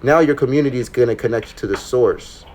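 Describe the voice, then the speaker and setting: A man's voice: mid-range voice, fairly quick, very noisy. Blunt, slangy man preaching spirituality. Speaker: podcast host. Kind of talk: casual spiritual chat.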